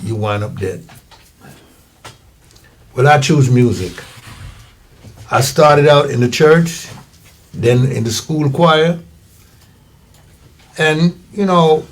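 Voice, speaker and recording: An older man with a Jamaican accent, a guest singer telling his story in a relaxed, rambling way in an interview. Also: medium pitch. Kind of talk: casual interview.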